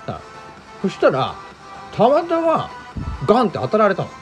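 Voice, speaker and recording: A man co-hosting a chat, telling an animated story and acting out quoted lines in a rough voice. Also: sits high, moderate pace, faint music behind. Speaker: podcast co-host.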